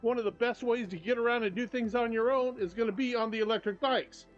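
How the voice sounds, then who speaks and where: A very high-pitched older man talks fast as he leads a casual, upbeat walking tour of shops, his handheld camera recording as he goes. He's a travel vlogger and tour guide touring a small town's streets and shops, both inside and outside. The recording sounds slightly dull, with faint music in the background.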